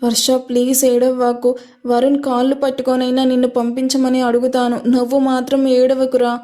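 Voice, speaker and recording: Woman reading as a worried young guy begging on a call, even tune, storybook. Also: sits high, normal speed, natural voice. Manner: pleading, worried. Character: young man, worried loyal friend on phone.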